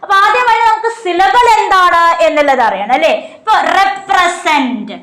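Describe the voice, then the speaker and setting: A woman teaching an exam coaching class. She poses questions and answers them herself, reading slowly and explaining quickly. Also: extremely high pitch, animated, a bit bright, reverberant. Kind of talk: online class lecture.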